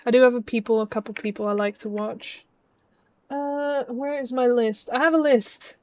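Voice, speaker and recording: A young Dutch woman chats casually with her stream chat while playing, reading messages aloud with plenty of ums and restarts. Her Dutch accent carries British and Scottish traces, and her voice is on the high side, a little mellow, at a moderate pace.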